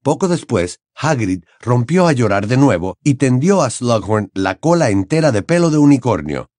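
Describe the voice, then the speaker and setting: A man narrating an audiobook in an expressive, dramatic storytelling manner. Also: medium pitch, normal speed, dry recording, clean studio sound. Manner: dramatic, varied storytelling delivery.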